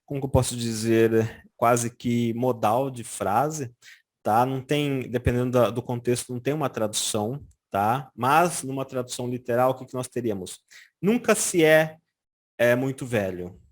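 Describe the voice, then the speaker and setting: A Brazilian man teaching German in a casual lesson, often checking in with "tá?" and saying German examples slowly and carefully. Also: mid-range voice. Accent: Brazilian Portuguese. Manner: lively, frequent "tá?" check-ins, slow careful German examples. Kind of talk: casual explanatory language lesson.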